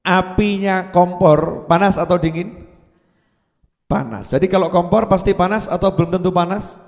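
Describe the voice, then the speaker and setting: A high-pitched man delivers a sermon, lively and playful, firing questions at the audience and acting out voices. His voice rings with a long hall reverb. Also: normal speed, gravelly. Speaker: preacher.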